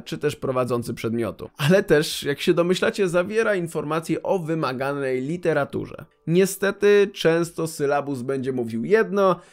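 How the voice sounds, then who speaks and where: A man in his twenties giving scripted, direct and wry advice to future university students in a vlog. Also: on the high side. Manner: direct, wry, addresses viewers as a group. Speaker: YouTuber giving study advice.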